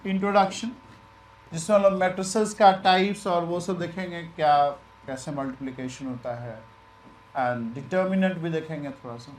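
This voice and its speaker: A man teaching maths in a relaxed, chatty way, mixing Hindi and English and repeating himself. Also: fairly high pitch, moderate pace, echoey room, a little hiss or hum. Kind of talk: lecture.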